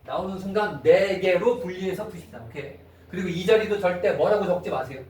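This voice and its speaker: A man lectures on math to a class, his voice pitched high and always coming back to quick questions to check that the students follow. The sound is roomy and echoey, caught from a distance with a faint hiss underneath. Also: a little mellow. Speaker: math teacher. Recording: echoey room, mic far off, faint noise.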